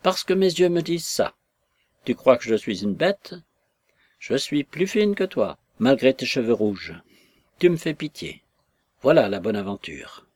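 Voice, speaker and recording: Dude doing old granny fortune-teller, blunt and slow, dry close sound. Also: male voice, medium pitch, sing-song, darkish tone, no room sound.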